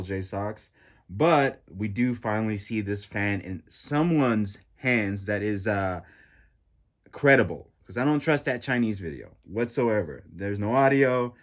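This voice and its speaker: A tech reviewer with a congested, stuffy nose gives a casual, rambling reaction review of a gadget, full of fillers and restarts. His voice is fairly low and unhurried.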